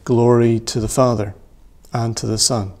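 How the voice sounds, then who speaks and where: Solemn man reading liturgy, gravelly edge. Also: medium pitch, little pitch movement, a little mellow. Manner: measured, solemn reading aloud. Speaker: priest leading worship. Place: small church room by a window.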